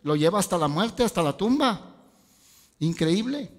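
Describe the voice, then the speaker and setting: A man's voice: high voice, lively intonation, measured pace. A male pastor, preaching a sermon with rhetorical questions and casual asides. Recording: long hall reverb.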